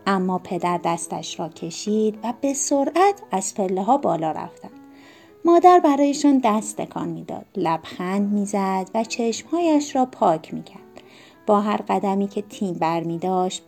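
Warm-voiced woman reading a children's story. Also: medium pitch, expressive, soft background music. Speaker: narrator.

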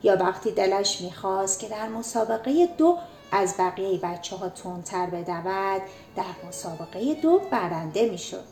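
A woman reading a children's storybook aloud, gentle and expressive. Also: mid-range voice, roomy sound, soft background music. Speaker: narrator.

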